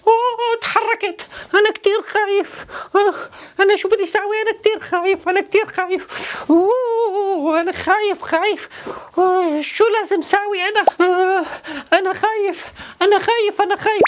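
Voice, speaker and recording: A woman voicing a timid, playful male clown who hosts a children's show, with a Levantine Arabic accent and a sing-song, exaggerated, giggly manner. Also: extremely high pitch. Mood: scared.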